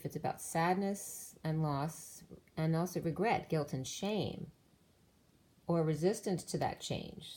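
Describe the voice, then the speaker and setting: A tarot reader gives a solo spiritual reading, explaining the cards and numbers one by one. Her fairly low, warm voice is fading as she loses it.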